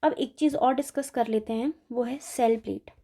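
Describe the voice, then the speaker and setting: A woman biology teacher giving an exam-prep lecture, explaining in Hindi, reading English textbook lines slowly and often checking in with listeners. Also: a little high, mellow. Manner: checks in often with "theek hai".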